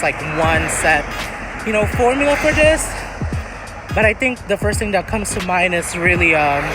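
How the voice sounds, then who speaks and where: A man chatting casually as a vlogger, giving earnest, encouraging advice and rambling as he searches for words. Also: sits high. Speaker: vlogger answering viewer questions.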